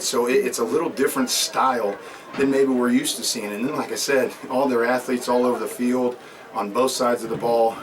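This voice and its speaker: Still recovering his breath after running, a man who is the head football coach speaks in a medium-pitched voice outside a stadium after the game. In this postgame interview he's earnest, repeats himself, and says um a lot. The mic is distant, the crowd is loud, and there's slight background noise.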